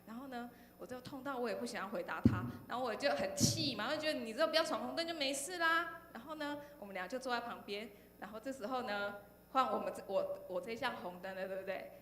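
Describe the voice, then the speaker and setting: A woman with a Taiwanese Mandarin accent gives an animated testimony to a youth congregation, often pausing on "然后呢" and turning questions to her listeners. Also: fairly high pitch. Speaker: speaker sharing a testimony at a youth service. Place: church hall. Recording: echoey hall, faint background noise.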